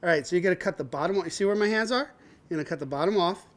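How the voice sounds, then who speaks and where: Racing along in a voice that sits high, a man hosts a cooking show where he teaches a child to cook. He keeps up playful banter, joking, laughing a lot, and addressing the kid as "buddy."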